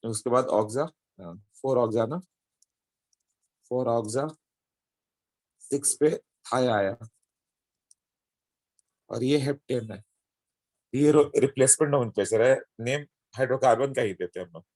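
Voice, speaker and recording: A man's voice: mid-range voice, a little slow, long pauses, a little mellow, dry recording. A man teaching a chemistry lesson, explaining step by step and checking in with his students as he goes. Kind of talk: classroom lecture.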